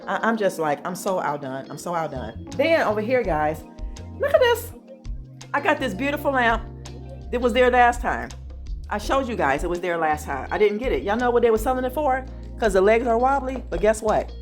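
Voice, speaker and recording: A woman vlogging from her home office, chatty and excited, calling her viewers "y'all". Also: medium pitch, brisk, soft background music. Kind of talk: casual chat.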